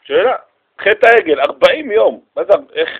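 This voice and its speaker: A man teaches a Bible lesson in a classroom, talking in a lively way and acting out what the people in his story say. His voice sits fairly high. The recording is dull and muffled. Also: crowd noise. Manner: lively, animated, acts out quotes. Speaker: religious teacher.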